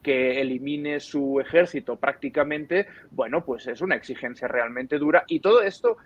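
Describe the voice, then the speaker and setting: A man from Barcelona, Spain, with a Spanish accent, speaks in a mid-range voice at normal speed over dull audio. Interviewed as an analyst, he offers explanatory commentary, choosing his words carefully and qualifying his points.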